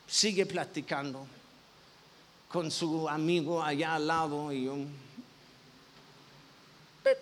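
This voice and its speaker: A man's voice: sits high, fairly bright tone. A man, a pastor, telling a personal story in a sermon, with many restarts and self-corrections. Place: church.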